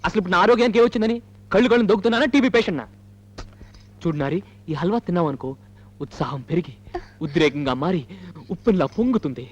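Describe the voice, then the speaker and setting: An actor playing an amorous, hot-tempered husband in a film scene, talking in a blustering, teasing way. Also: male voice, high-pitched, lively intonation, fast, pauses often. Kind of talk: film dialogue. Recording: music score behind.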